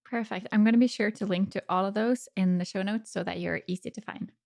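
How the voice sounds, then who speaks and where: A woman hosts a podcast interview, talking in a friendly, soft-spoken way as she asks questions. Her voice has a medium pitch. The recording is dry, with no echo. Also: steady tone, a little fast, vocal fry. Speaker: podcast host. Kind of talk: casual interview talk.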